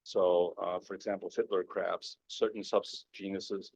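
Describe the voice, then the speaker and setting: A man presenting research as a urology professor at a conference talk to a live audience, steady and filling pauses with "uh". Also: low-pitched, vocal fry, slightly rough, no echo. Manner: steady, lots of "uh" fillers. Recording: dull lo-fi sound.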